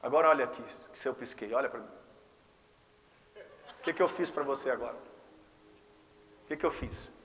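A man with a Brazilian Portuguese accent preaching a Pentecostal sermon as a pastor, impassioned, swinging between hushed and exclaiming passages. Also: medium pitch, normal speed, pauses often, in a large hall. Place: church service.

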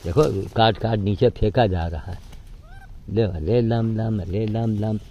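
A man's voice: lowish voice, a little slow, dark tone, highs cut off. Older guy outdoors feeding animals, coaxing them, bossing a helper now and then, faint noise around. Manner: coaxing, talks to the animals, gives chores between remarks. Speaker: man feeding monkeys and directing a helper. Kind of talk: casual outdoor narration.

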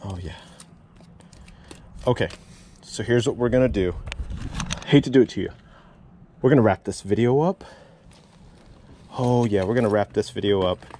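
Recorded on a head-mounted action camera, this excited unboxing vlog features a man rummaging through a storage unit, repeating exclamations in amazement. His voice is fairly low and dark, with a little hiss or hum in the audio.

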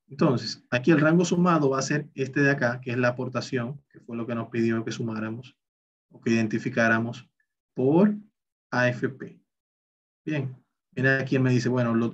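Man, husky voice, spreadsheet instructor, step-by-step explanations, dull lo-fi computer mic. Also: mid-range voice, recorded from a distance. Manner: explains step by step, talks through each calculation. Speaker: Excel instructor. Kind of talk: recorded online class walkthrough. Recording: slightly dull, lo-fi recording.

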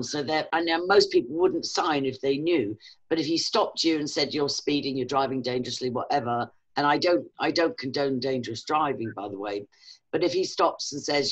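A woman's voice: sits low, low-quality recording. A woman hosting an interview over a video call from home, asking curious questions and nodding along. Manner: curious, asks questions, quick short agreements. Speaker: host, interviewer. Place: room at home. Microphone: webcam on a video call.

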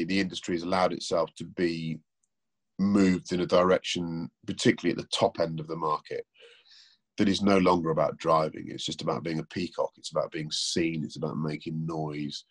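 A man speaks in a deep, breathy voice that sits low in his chest. He talks through opinions on cars in a casual interview, thinking aloud and often restarting his sentences. The sound comes over a remote call. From England. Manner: thoughtful, opinionated, many restarts. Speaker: guest, car presenter.

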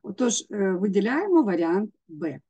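A woman's voice: mid-range voice, big pitch swings, moderate pace, dark tone, slightly rough, highs cut off. A woman teacher, walking students through exam tasks step by step and sounding out letters. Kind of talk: exam prep lesson.

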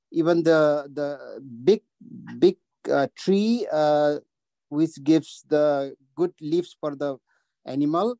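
Halting Nepali-accented man on a call. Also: a little high, darkish tone, no room sound. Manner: halting, many uhs and restarts. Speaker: audience member asking a question. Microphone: video call audio.

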